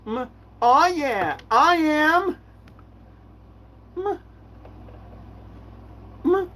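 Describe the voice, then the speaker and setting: A man hosting a live stream Q&A, reading chat messages aloud and answering in a halting way, repeating himself often. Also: extremely high pitch, fairly bright tone, slight background noise.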